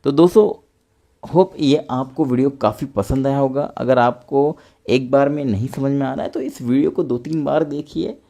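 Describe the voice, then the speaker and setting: A man's voice: medium pitch, moderate pace, creaky, warm tone. A young man patiently explaining English pronunciation step by step, speaking as a teacher in a lesson.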